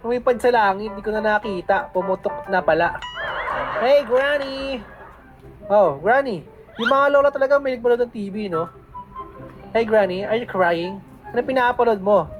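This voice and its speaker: A woman's voice: mid-range voice, normal speed, long pauses, poor audio. A woman with a Filipino accent hosting a gaming channel, chatting playfully as she plays and mixing Tagalog with English. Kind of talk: casual game commentary. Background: game music.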